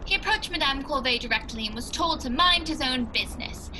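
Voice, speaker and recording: A woman's voice: high-pitched, expressive, brisk, noisy background. A woman playing a genial old English doctor who tells a mystery tale in an earnest, old-fashioned 1940s radio style. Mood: grave storytelling.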